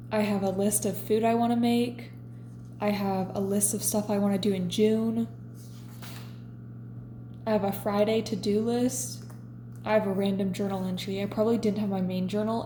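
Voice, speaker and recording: A woman in her twenties, chatting casually as a vlogger and reading her own diary entries aloud in a relaxed, confessional way. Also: mid-range voice, reverberant, slight background noise. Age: 20s. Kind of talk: casual chat.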